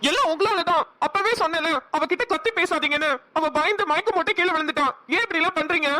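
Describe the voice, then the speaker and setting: Woman playing a young husband, cartoon, protective, urgent, Kongu Tamil accent, high bright voice. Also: quick pace, no echo. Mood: indignant. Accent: Kongu Tamil (Namakkal). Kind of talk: cartoon voice acting.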